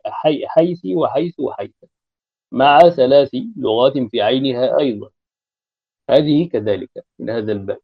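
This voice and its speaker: A man teaching a grammar lesson, explaining each point deliberately with frequent drawn-out fillers, on a dull lo-fi recording. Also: medium pitch. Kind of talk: explaining Arabic grammar in a lecture.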